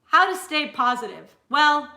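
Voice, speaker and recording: A woman hosting a casual live-stream chat, frank and chatty and quick to laugh, talking from home. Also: high voice, animated, sharp tone. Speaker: cooking channel host. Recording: roomy echo.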